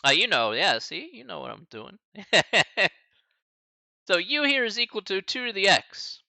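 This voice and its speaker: A man's voice: high voice, a little slow, creaky, no echo. A man in his early forties, a college math instructor, teaching a live-streamed lecture and chatting with viewers between steps. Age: 40s. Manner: lively, chatty asides to chat, laughs often.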